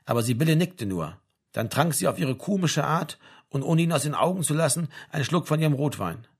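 Guy reading a novel aloud, a bit raspy, voice fairly high. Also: animated, a little fast. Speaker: audiobook narrator. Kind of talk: scripted narration.

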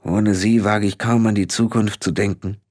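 Ein Mann spricht einen kleinen, grüblerischen Clanchef, der grummelt und poltert. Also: male voice, fairly low pitch, fairly even intonation, moderate pace, a little mellow, dry recording, studio quality, close to an everyday voice. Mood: brooding. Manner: grumbling and blustering. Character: gruff, brooding little fairy-clan chief man.

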